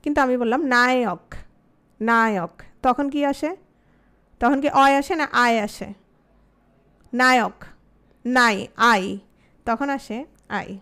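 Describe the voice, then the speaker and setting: A woman with a high voice and a Bangladeshi Bengali accent teaches an online grammar class. She asks the students many questions and says example words slowly, one by one, before she explains the rule. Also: a bit bright, smooth.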